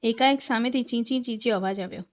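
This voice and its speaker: Woman reading a story out loud, bit higher voice, does the characters' lines too. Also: fast talker. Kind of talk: reading a short story aloud.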